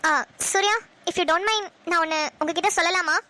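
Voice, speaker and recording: A woman's voice: very high voice, normal speed, bright, forceful tone, no echo. A woman voicing a reserved, self-made young businesswoman in a cartoon, speaking firmly. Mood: guarded. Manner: reserved, firm. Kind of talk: cartoon voice acting.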